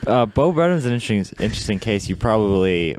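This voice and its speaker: Low-voiced man asking hesitant questions. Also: big pitch swings, quick pace, a little mellow, slight background noise. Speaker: podcast host. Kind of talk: casual interview.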